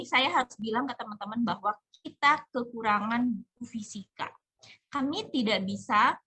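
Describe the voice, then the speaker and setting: A woman's voice: a little high, bright, forceful tone, husky. A chatty woman hosting an informal online community talk in colloquial speech. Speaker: host of a community webinar.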